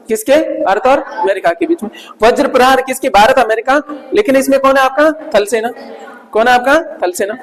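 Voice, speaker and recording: A male coaching teacher giving a revision lecture, asking his students questions and answering them himself, repeating key points as memory tricks. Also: very high voice. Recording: long hall reverb.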